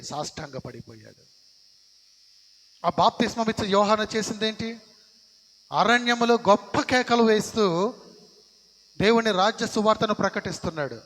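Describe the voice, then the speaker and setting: A male pastor with a high-pitched, fairly bright voice preaches emphatically in a church sanctuary. Repetition of phrases lends stress to his sermon, and the long reverb of the hall colors the sound.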